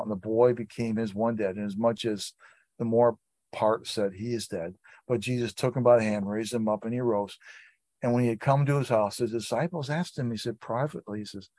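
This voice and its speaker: A man's voice: medium pitch, a little mellow, dry recording. A man leading an informal Bible study, reading scripture aloud and breaking off into conversational asides.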